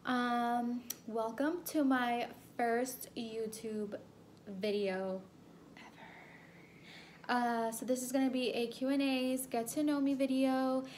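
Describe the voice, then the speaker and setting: Speaking slowly in a slightly high, steady, a little mellow voice, a young adult vlogger from El Salvador shares a personal story with the camera. She rambles chattily, repeating phrases and saying um often, and a faint hiss or hum is audible.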